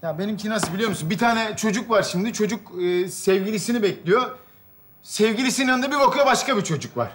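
An actor playing an exasperated young husband stuck at home, grumbling and sarcastic in a stage comedy sketch. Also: male voice, sits high, expressive, fast talker, fairly bright tone. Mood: sheepish. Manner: grumbling, sarcastic, laughing through lines.

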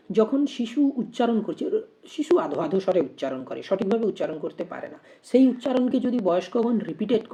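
Woman teacher, warm and mellow tone, methodical explainer who asks rhetorical questions before each answer. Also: medium pitch. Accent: Bengali. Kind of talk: exam-prep lesson.

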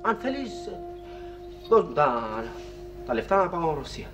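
A man's voice: high-pitched, very animated, over music. An actor playing a timid, stammering young man in a sitcom. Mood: pleading. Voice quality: stammering, hesitant. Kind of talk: sitcom acting. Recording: dull lo-fi TV sound, faint noise.

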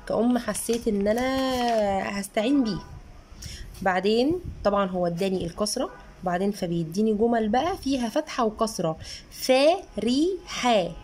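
A woman's voice: mid-range voice, a little mellow, a little hiss or hum. Chatty Egyptian mother reviewing books. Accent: Egyptian Arabic. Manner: chatty, earnest, slowly sounds out syllables. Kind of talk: casual book review vlog.

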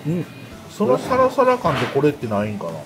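A man with a Kansai accent chats casually as he eats. His voice sits a little high and swoops up and down with great animation. He is jokey and chuckles often, over faint background music. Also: wildly swooping pitch, fast, poor audio. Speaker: food challenge video co-host. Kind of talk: casual chat while eating ramen.

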